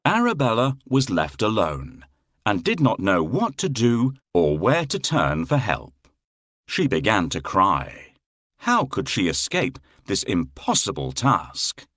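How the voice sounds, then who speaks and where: A male narrator gives a theatrical fairy-tale reading for children in a lowish, slightly bright voice whose pitch swoops wildly. His pace is very slow, and the recording is dry.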